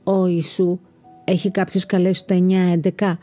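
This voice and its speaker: Narrator voicing a helpful male farmer, brisk and determined, dark low tone. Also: flat delivery, soft background music, close to an everyday voice. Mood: urgent.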